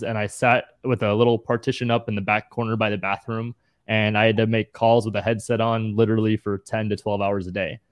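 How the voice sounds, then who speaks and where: Low-voiced young man, relaxed storyteller. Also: dry recording, studio quality. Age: 20s. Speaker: guest. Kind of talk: casual interview.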